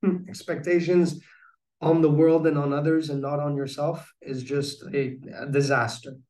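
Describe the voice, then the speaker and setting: A man with a fairly high voice tells a personal story, earnest and reflective, often stopping to restart a thought. He sounds a little far from the mic, in a room with a noticeable echo. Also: little pitch movement, moderate pace, darkish tone. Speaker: guest telling his recovery story. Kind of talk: storytelling in a conversation.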